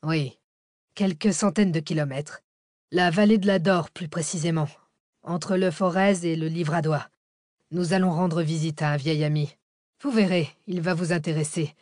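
Calm, curt man, as a woman reads him. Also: deep voice, dry recording, studio quality, natural voice. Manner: curt, unhurried.

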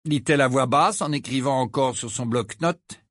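A man's voice: mid-range voice, normal speed, fairly bright tone, no echo, clean studio sound. A man reading a novel aloud expressively, with an occasional filler. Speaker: reader.

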